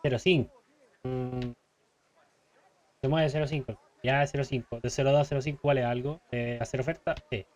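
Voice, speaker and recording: A man's voice: mid-range voice, steady tone, normal speed, long pauses. A man with a Chilean accent giving casual, joking let's play commentary, reading game text aloud. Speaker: gaming streamer.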